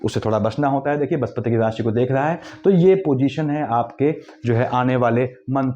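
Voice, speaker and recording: A man giving a quick, lecturing astrology forecast, weaving English terms into his explanations. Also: mid-range voice, mellow, lo-fi sound. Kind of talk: monthly horoscope talk.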